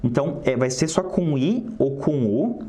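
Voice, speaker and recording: A man's voice: medium pitch, expressive, normal speed, mellow. A man teaching an online grammar lesson, explaining step by step and often checking in with "tá?".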